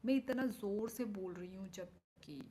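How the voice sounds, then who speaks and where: A woman chatting casually with viewers on a livestream through her phone mic, thinking aloud and slipping into soft whispered asides. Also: mid-range voice, measured pace, a little hiss or hum. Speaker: live streamer. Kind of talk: casual live-stream chat answering viewer comments. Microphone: phone microphone.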